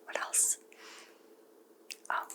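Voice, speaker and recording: A woman doing a whispered role-play as a helpful librarian, speaking in a soft, gentle library whisper with halting phrasing. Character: helpful goth librarian recommending books. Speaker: librarian in a point-of-view roleplay.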